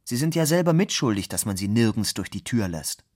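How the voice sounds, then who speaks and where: A man's voice: on the low side, very animated, brisk, darkish tone. A man reading aloud who voices an earnest young man, polite but firm and ironic. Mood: firmly polite.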